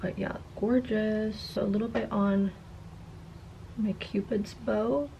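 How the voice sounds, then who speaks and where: A woman's voice: mid-range voice, steady tone, slow, creaky, mellow, dull audio, a little hiss or hum. A woman in her twenties with a slight lisp that makes her s sounds slushy, chatting casually to camera as a content creator. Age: 20s. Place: carpeted attic-style room indoors.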